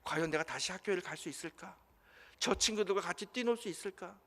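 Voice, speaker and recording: A middle-aged man preaching a sermon as senior pastor, telling a story emotionally, moving from hushed to loud. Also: sits high, fast talker. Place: church sanctuary. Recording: reverberant church hall.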